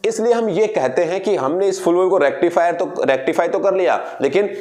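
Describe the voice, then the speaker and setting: Man, teacher, physics lesson, higher voice, asks and answers own questions, repetitive, slips into English. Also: brisk, darkish tone. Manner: explains by asking and answering his own questions, repeating key words; addresses students directly, mixing in English phrases. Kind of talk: classroom physics lecture.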